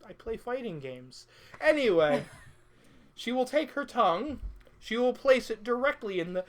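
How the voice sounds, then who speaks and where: A woman's voice: fairly high pitch, very animated, a little slow. A woman as a sideshow showman, doing jokey mock carnival-barker patter and laughing often.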